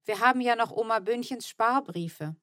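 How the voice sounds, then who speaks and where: A woman's voice: fairly high pitch, normal speed, a bit bright, no room sound, studio quality, natural voice. A woman reading an audiobook, voicing a sensible father who soothes and grumbles. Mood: soothing. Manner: soothing, a little grumpy.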